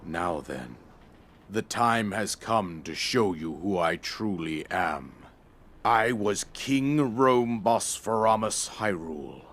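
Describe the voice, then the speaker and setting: An older man playing a solemn, regal ghost king of a fallen kingdom, telling his story gravely in a video game cutscene. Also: on the low side, lively intonation, fairly bright tone. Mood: solemn, stately. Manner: grave, stately, measured storytelling.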